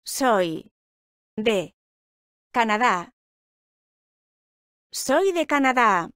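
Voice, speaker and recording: A woman reading short travel phrases slowly, repeating each one word by word in a careful drill. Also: a little high, very animated, fairly bright tone, no room sound, studio quality. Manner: slow, careful, clearly enunciated. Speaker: language teacher voice.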